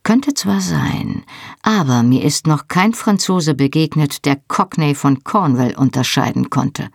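A woman's voice: deep voice, animated, gravelly, dry recording, studio quality, exaggerated voice. A woman voicing a stern, sarcastic army captain. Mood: cold, stern. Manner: cold, measured, condescending. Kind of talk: audiobook reading.

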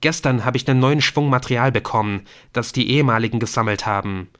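A man's voice: medium pitch, fast talker, fairly bright tone, close to an everyday voice. A man voicing an eager young man sharing good news in an audiobook.

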